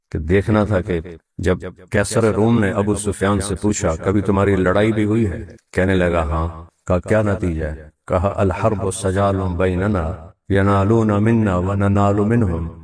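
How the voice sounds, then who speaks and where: A man's voice: low-pitched, fairly even intonation, unhurried, a little mellow, distant mic. A man giving a sermon, telling historical stories with quoted dialogue and recited Arabic verses. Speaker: preacher. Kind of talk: sermon storytelling.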